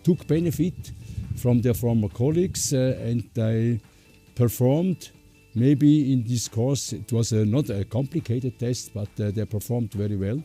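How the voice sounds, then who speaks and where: A man with a dark, mellow voice talks about a course he runs. He hesitates often, filling gaps with long pauses. Soft music plays faintly underneath. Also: medium pitch. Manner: hesitant, many filler pauses. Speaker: course instructor. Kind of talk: interview answers.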